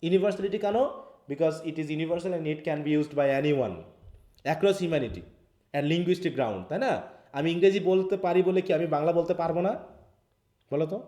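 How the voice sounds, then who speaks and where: A man with a Bangladeshi accent leads a live linguistics lesson, walking through each point and checking in with his students. His voice sits a little high but sounds mellow and soft-edged. The sound carries an echo from the room around him. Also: moderate pace. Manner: explains step by step, mixing English terms, asks students questions. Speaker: English linguistics teacher. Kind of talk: live online class lecture.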